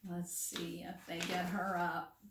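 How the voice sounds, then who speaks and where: A woman teacher reading a picture book aloud to young children, animated, with hushed asides to her listeners. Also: fairly low pitch, slow pace, noisy background. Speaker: first grade teacher. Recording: roomy room, distant mic.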